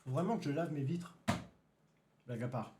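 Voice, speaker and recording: A young man streaming live, chatting casually with his viewers, excitable and given to sudden shouted exclamations before calming down again. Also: on the high side, moderate pace. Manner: excitable, bursts into shouted exclamations then calms down. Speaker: livestreamer. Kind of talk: casual livestream chat with viewers.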